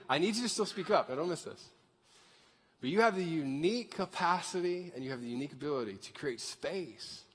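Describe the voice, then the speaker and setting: A husky, slightly bright mid-range voice belongs to a male pastor in his thirties. Speaking conversationally from the pulpit of a large church sanctuary, he asks the crowd to put their hands up, and the recording carries long hall reverb.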